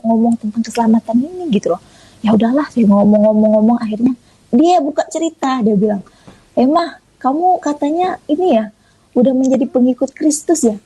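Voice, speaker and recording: Woman from Indonesia, interview guest giving a testimony, lively storyteller, husky and mellow, dry recording. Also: on the high side, dry recording, low-quality recording. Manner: animated storyteller, acting out quoted dialogue. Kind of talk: conversational testimony. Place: online audio room.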